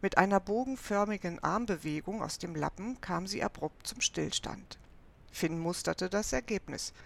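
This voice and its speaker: A woman reading a children's story aloud in a calm, even manner. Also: medium pitch, moderate pace, creaky. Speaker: narrator.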